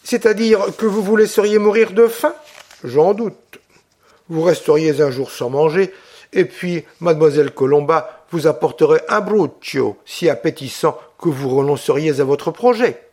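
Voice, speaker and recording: A man's voice: fairly high pitch, normal speed, darkish tone, close to an everyday voice. A man reading an audiobook, voicing a witty, teasing young English lady with a playful, lightly mocking manner.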